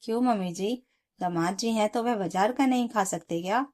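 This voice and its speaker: Field-by-field: Figure: ill young daughter-in-law, played by a woman. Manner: soft, weary, reasoning. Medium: storybook. Pitch: middle. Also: lively intonation, moderate pace, lightly acted.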